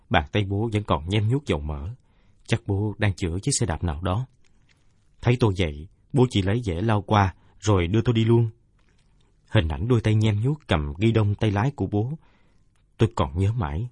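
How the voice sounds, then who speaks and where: A man tells a first-person story in a steady, measured manner. His voice is low and husky. It comes across close and dry, with no room sound. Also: dry recording. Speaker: narrator. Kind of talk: first-person audiobook narration.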